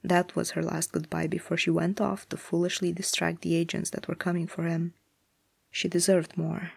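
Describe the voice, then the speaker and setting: A narrator reading a story aloud in a measured, even way. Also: medium pitch, vocal fry, breathy edge, no echo.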